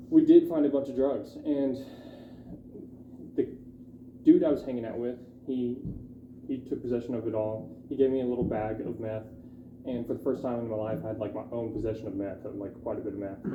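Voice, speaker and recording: A young man telling his personal testimony in a halting, candid way, with many fillers. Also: mid-range voice, mellow, slight background noise. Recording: dull echoey room recording.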